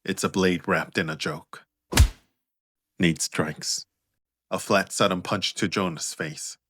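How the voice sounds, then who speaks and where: Male author-narrator, very deep voice, steady audiobook read. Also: slow pace, background noise.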